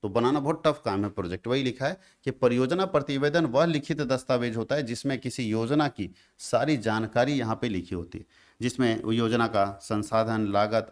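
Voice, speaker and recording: A male teacher giving an exam revision lecture. He goes over each point twice and keeps checking that students follow. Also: lowish voice.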